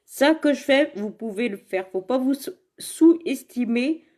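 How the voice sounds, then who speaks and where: This woman from the Saint-Étienne area of France has a high, expressive voice with a warm tone and an unhurried delivery. A direct seller of makeup, she chats and rambles through a casual live demo filmed at home on a phone camera set in front of her, laughing often and greeting viewers by name.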